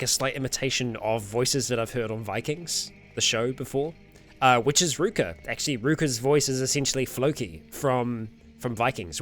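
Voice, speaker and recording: This livestream host has a medium-pitched, fairly bright voice and casually responds to comments from viewers. He tends to ramble, filling gaps, correcting himself and laughing frequently.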